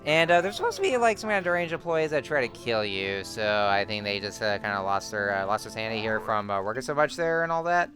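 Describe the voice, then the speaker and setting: A man's voice: lowish voice, lively intonation, fast talker, few pauses, music in the background. A man giving casual, rambling game commentary full of fillers and restarts. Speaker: let's-play host.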